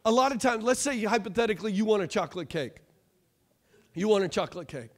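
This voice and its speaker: A man, preaching a lively call-and-response sermon from a church stage. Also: sits high, quick pace. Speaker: pastor. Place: church stage, large room.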